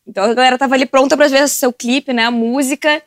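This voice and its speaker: A woman chats as a podcast guest, telling stories quickly and with a lot of energy. Her voice sits slightly high, and she laughs often. The sound is dry and close. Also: no room sound. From southern Brazil. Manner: animated storyteller, laughs often. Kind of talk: casual podcast chat.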